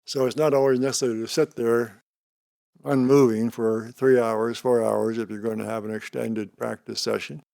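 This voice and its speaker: Slow, calm, gravelly older man. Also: mid-range voice, dry recording, clean studio sound. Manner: slow, calm, deliberate delivery with pauses between short phrases. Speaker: spiritual teacher of meditation. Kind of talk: unscripted spiritual discourse on meditation.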